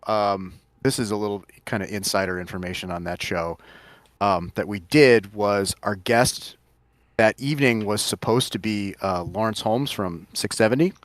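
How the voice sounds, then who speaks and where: A man's voice: lowish voice, normal speed, fairly bright tone, no room sound. A man hosting a casual drinks show, rambling and correcting himself as he talks. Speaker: host mixing drinks. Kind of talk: casual chat.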